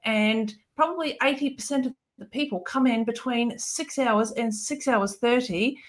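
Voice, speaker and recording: A New Zealand woman co-hosts a podcast, her voice a little high and her pace moderate. She chats casually and hesitantly, filling her talk with plenty of ums.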